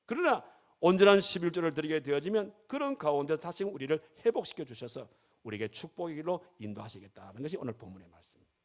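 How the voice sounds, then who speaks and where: Emphatic Korean pastor preaching. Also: male voice, on the high side, big pitch swings, quick pace, darkish tone. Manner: emphatic preaching, voice rising and dropping sharply. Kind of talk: sermon.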